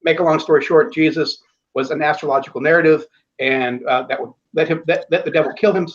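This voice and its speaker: A man talking in a casual conversation, rambling with many restarts and fillers and blunt, casual swearing. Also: mid-range voice. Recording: dull lo-fi audio.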